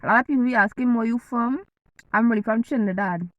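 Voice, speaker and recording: A woman's voice: on the high side, fast, dry recording, dull audio. A woman from Jamaica with a Jamaican accent, chatting playfully to camera and eating as she talks. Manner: playful, teasing, eating while talking. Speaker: vlogger. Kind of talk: casual chat to camera.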